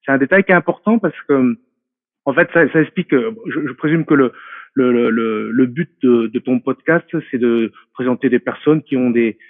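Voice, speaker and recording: A man's voice: mid-range voice, normal speed, dry recording. A man in his forties being interviewed, talking in a hesitant, reflective way with many fillers and restarts. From France. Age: 40s. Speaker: guest. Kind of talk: casual interview talk. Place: remote call from a mountain home. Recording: tinny dry phone-like line.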